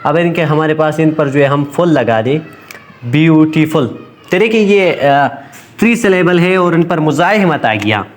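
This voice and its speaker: A man giving an informal recorded English grammar lesson, hesitant, with many fillers and restarts, slowing down to dictate English sentences. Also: fairly high pitch, lively intonation.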